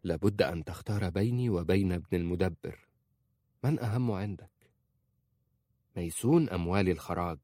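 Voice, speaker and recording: A man reading aloud and voicing a proud, stubborn young wife in a raised, higher voice. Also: brisk, long pauses, warm tone, no room sound, studio quality. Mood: insistent.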